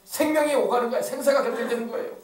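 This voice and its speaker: A man preaches with a high, quick voice and rousing call-and-response energy. He speaks with a regional Korean accent from the Yeosu area. His voice echoes through a church sanctuary and is picked up from some distance. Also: steady tone. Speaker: pastor. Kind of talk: sermon.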